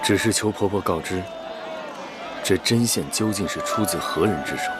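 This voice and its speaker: A man's voice: deep voice, moderate pace, close to an everyday voice. An actor playing an earnest, courteous young nobleman in a period TV drama, speaking formally. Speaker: young nobleman seeking a lost friend. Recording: period drama with loud music behind.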